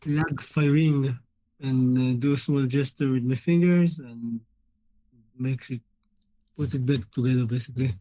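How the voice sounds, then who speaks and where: Male player, hesitant casual chat; mellow, warm tone. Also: medium pitch, fairly even intonation, normal speed. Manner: hesitant, stumbling restarts. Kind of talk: casual chat at a game table.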